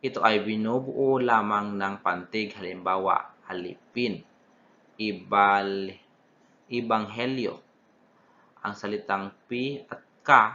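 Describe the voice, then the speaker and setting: Slow, bright-voiced young man teaching. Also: lowish voice, a little hiss or hum. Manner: deliberate, repeats terms, self-corrects mid-word. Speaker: student teacher. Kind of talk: recorded classroom lesson. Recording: dull lo-fi recording.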